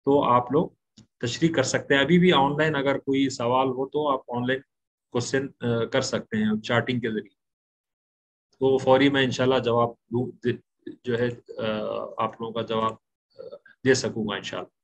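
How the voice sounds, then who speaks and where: A man teaching a tajweed class online, patiently slowing down to explain recitation rules, speaking into a computer mic on a video call. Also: mid-range voice, fairly even intonation. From India.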